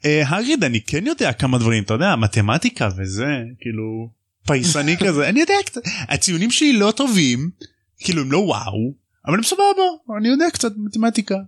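A man's voice: fairly high pitch, huge pitch swings, husky, heavily acted. A man voicing a bewildered, meek eleven-year-old boy who asks hesitant, puzzled questions. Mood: defensive.

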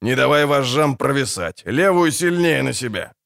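A man voicing a grumpy, foul-mouthed dwarf wagon driver in an audiobook, gruff and barking. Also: medium pitch, expressive, moderate pace, a bit bright, no room sound, clean studio sound. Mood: grumbling. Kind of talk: audiobook character voice.

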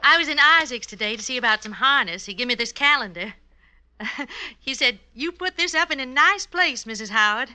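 A cheerful, doting American frontier wife in a vintage radio play. Her voice is high and very bright, moving up and down in a sweet, folksy way. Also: lively intonation, normal speed, clear, resonant tone, full character voice. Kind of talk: old-time radio drama acting.

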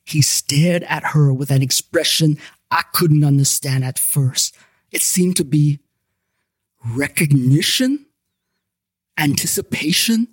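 A man's voice: fairly high pitch, slow pace, pauses often, slightly rough, no room sound. Wry man narrating in the first person. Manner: wry, joking.

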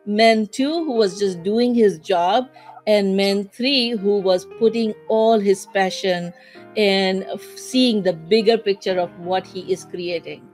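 A woman's voice: mid-range voice, slow pace, darkish tone, faint music behind. Woman hosting a weekly online talk. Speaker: host.

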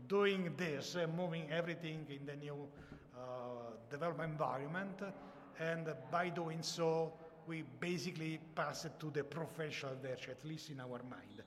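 A man's voice: fairly high pitch, measured pace, warm tone. A man with an Italian accent, a native Italian speaker, giving an informal talk to an audience, telling a story hesitantly and repeating words as he goes. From Italy. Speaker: conference speaker, software founder. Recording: echoey hall with background noise.

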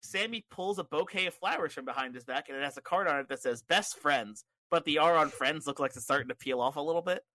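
Bright-voiced man recapping casually. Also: on the high side, quick pace, hardly any pauses, no echo. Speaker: podcast co-host.

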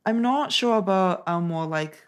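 Lower-voiced woman co-host. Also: lively intonation, normal speed, smooth. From Japan. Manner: chatty, giggly, restarts sentences. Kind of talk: scripted narration and casual chat.

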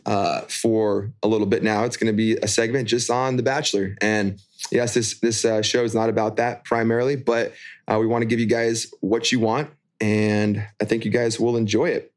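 A man's voice: on the low side, level tone, moderate pace. A man chatting casually as a podcast co-host, upbeat and informal, speaking to his listeners like friends. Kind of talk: casual chat. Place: holiday rental, remote call over spotty Wi-Fi.

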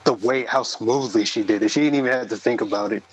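A man's voice: medium pitch, quick pace, breathy edge, rough recording. A man on a podcast panel who talks emphatically and swears to stress his points. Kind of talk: casual chat.

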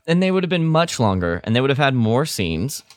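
A man with a medium-pitched, sing-song voice co-hosts a podcast, talking briskly and casually about films and thinking aloud as he shares his opinions. There's no echo.

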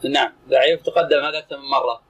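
A man's voice: mid-range voice, steady tone, a bit bright, breathy edge, lo-fi sound. A man teaching as a sheikh, commenting on texts and questioning a student in short, clipped phrases. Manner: terse, brisk, asks and answers in short clipped phrases.

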